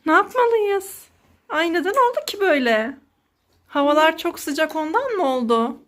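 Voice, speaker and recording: A woman's voice: extremely high pitch, animated, moderate pace, fairly bright tone. A woman in her thirties, a mother filming a playful family skit vlog, fussing and exclaiming dramatically.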